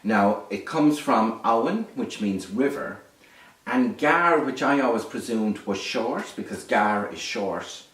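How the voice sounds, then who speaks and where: A man's voice: lowish voice, animated, slow pace, a bit bright. An Irish man telling a folk tale informally, as a lilting, conversational storyteller. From Ireland. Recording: roomy echo, distant microphone.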